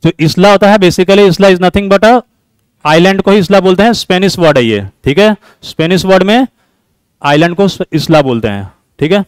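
A man's voice: high voice, normal speed, smooth, no room sound. Male teacher quizzing a class. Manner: explanatory, repeats key points, quizzes students. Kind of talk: classroom lecture mixing Hindi and English.

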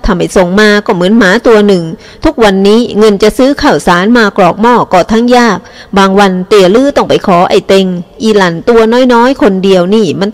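Woman reader playing a stern old grandfather, loud lecturing scold, slow drawn delivery, audiobook figure. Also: mid-range voice, long reverb tail, close to an everyday voice. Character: stern old grandfather, hands on hips, berating.

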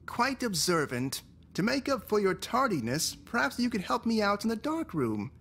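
A creepy, falsely chipper teacher. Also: male voice, high-pitched, very animated, normal speed, a bit bright, slight background noise, exaggerated voice. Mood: falsely cheerful. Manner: smooth, falsely chipper, ingratiating. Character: creepy overly cheerful male photography teacher. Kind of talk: video game voice acting.

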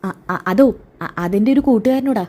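A woman's voice: a little high, normal speed, mellow, natural voice. A woman voicing a scheming young man who stammers through excuses when caught, read in a storytelling retelling of a TV serial. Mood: flustered.

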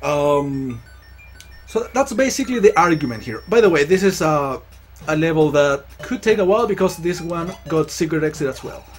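Chilean man, higher voice, reflective stream talk. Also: animated, moderate pace, faint music behind. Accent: Chilean Spanish. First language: Spanish. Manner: reflective, rambling, frequent restarts. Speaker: gaming channel host. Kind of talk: casual live-stream commentary while playing.

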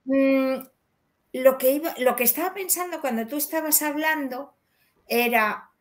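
A woman's voice: high-pitched, measured pace. A woman with a Spanish accent interviewing a guest, agreeable and reflective. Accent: Spanish from Spain. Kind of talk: casual interview talk.

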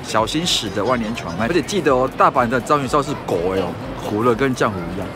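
A man's voice: mid-range voice, animated, fast. A man with a Taiwanese Mandarin accent chatting through a casual travel vlog, narrating food and shops as he walks a city street. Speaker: vlogger. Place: busy city street outdoors. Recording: street crowd and loud music behind.

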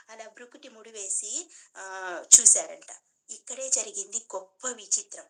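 A woman's voice: fairly high pitch, pushed and bright, poor audio. A woman giving a devotional storytelling talk as a teacher, asking rhetorical questions and answering them.

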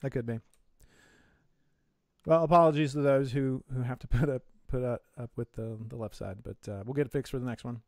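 Casual male co-host, mid-pitched and hesitant, audio in the left channel only. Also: a little fast, darkish tone. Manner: hesitant, with many fillers and restarts. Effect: audio heard in the left channel only. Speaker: co-host of a tech live stream. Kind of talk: casual chat. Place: home office.

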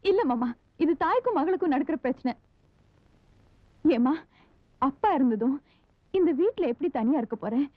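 A woman's voice: sits high, animated, moderate pace, long pauses, no echo. An actress playing a young, devoted wife who pleads tearfully with her mother. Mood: earnest. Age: young adult. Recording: dull, dry old film soundtrack.

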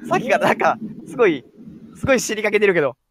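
A man playing an online game with friends, calling out moves quickly in excited voice chat. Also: high-pitched, a crowd in the background. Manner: rapid repeated callouts. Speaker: game player.

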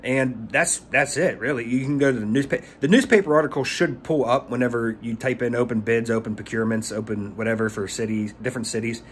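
Filmed on a phone at arm's length in a small room, this pressure washing business owner in his thirties rambles through tips in a casual talking-head vlog. His medium-pitched voice is brisk with few pauses, and he stumbles and repeats words. A little hiss or hum sits under the audio.

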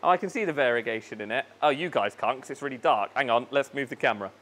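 A man with a fast, mid-range, fairly bright voice hosts a casual unboxing vlog in his aquarium shop. As the shop owner, he's chatty and enthusiastic, thinking aloud and stumbling over plant names.

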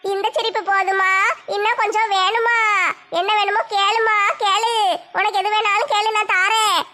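A woman's voice: extremely high pitch, flat delivery, normal speed, bright, forceful tone. A woman playing a woman possessed by a commanding Buddha spirit, bossy and chanting a goddess song. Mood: indulgent.

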